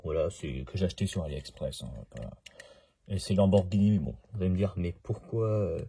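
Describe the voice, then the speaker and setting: Husky chatty man showing toy cars. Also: deep voice, expressive, quick pace, warm tone. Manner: chatty, self-interrupting, jokey. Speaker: diecast car collector. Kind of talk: casual collection vlog. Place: home collection corner.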